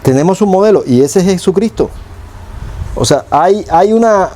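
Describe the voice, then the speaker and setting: A man preaching a sermon as pastor, acting out prayers with a low hushed voice and boastful ones higher. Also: expressive, normal speed. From Cuba.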